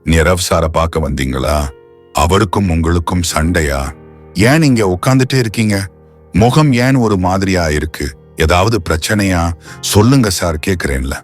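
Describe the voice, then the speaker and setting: A man voicing a caring, teasing young woman who coaxes and gently scolds in an audio novel. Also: deep voice, expressive, normal speed, soft background music. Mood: coaxing.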